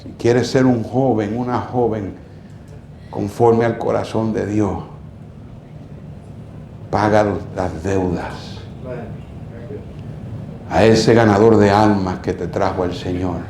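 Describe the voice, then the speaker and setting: Preaching in church, a pastor with a fairly low, darkish voice acts out quoted voices as he dramatically tells a story, then scolds and exhorts his listeners. The sound is roomy with slight background noise.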